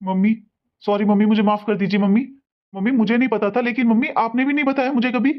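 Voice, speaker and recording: Woman voicing a reproachful son, high voice, muffled lo-fi recording. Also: steady tone, quick pace, natural voice. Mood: remorseful. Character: grown son, angry then remorseful. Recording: dull lo-fi sound.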